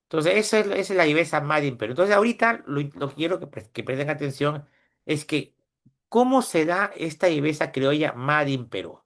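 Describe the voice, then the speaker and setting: A middle-aged Peruvian man gives a conversational university lecture in Peruvian Spanish, often ending points with tag questions to his students. He retells anecdotes, quoting different voices. He speaks a little fast, his voice high-leaning, expressive, and fairly bright.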